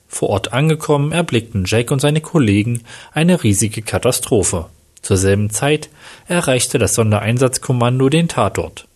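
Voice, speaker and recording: A man narrates a crime story aloud in a steady, even voice. His pitch sits in the middle range and the telling stays plain and measured.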